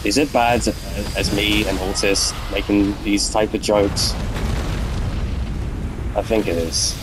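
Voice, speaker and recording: A man's voice: lowish voice, fairly even intonation, slow, noisy background. A young man giving let's play commentary, swearing constantly and raging at the game. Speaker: gamer.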